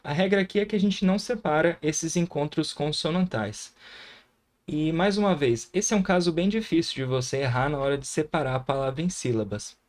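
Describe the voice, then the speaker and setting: A man's voice: on the high side, fairly quick. A man with a Brazilian Portuguese accent teaching a recorded grammar lesson, patiently sounding out syllables and often checking in with the viewer.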